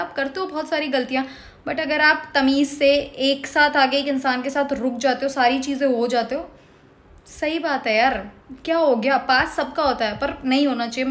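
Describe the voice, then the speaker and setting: Animated high-voiced woman reviewer. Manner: animated, opinionated, laughs and mimics often. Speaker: reality show reviewer. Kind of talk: casual reaction commentary.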